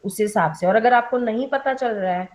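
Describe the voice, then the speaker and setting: Brief: young woman trainer, slightly high voice, patient step-by-step explainer who keeps checking in, drops English terms into her speech. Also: brisk. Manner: mixes English terms into Hindi. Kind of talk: online training session.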